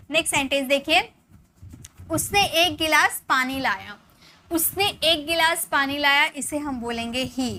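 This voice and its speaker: A woman teaching an English lesson in Hindi. She reads the English examples slowly and answers her own questions. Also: high voice, pushed and bright, a little hiss or hum. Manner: slow, spelled-out reading of English example sentences; asks questions and answers them herself.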